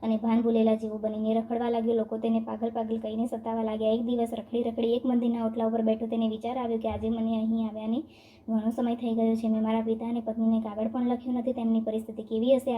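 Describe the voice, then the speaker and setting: A woman with a Gujarati accent reading a devotional story aloud in a steady, even storytelling manner. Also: fairly high pitch, fast, narrow, tinny audio. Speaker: narrator.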